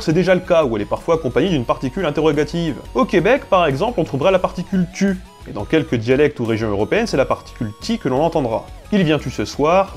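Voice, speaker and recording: A young man hosts an educational video about language, talking quickly with a tone that jumps up and down a lot. He slips in ironic, teasing asides between his explanations. Faint music plays underneath. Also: fairly high pitch. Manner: lively, ironic, playful asides. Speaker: linguistics video host.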